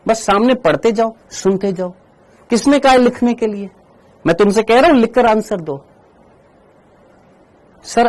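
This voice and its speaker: A man's voice: high voice, darkish tone. A male teacher giving an online class lecture. He asks the class questions and answers them himself, scolds the students in a firm but friendly way, and mixes English terms into his talk.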